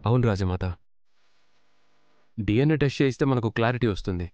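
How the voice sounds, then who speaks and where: A man's voice: medium pitch, expressive, a little fast, darkish tone, muffled recording, a little hiss or hum, close to an everyday voice. An actor playing a dutiful young man who speaks respectfully in a TV serial. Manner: respectful, compliant. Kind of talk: TV serial acting.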